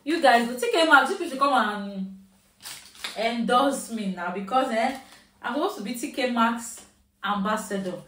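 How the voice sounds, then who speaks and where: In a casual haul vlog filmed indoors at home, a Yoruba-accented Nigerian woman talks chattily, slipping in phrases of Nigerian Pidgin. Her voice sits on the high side, fairly bright and lively, at normal speed. The distant mic picks up a roomy echo and slight background noise.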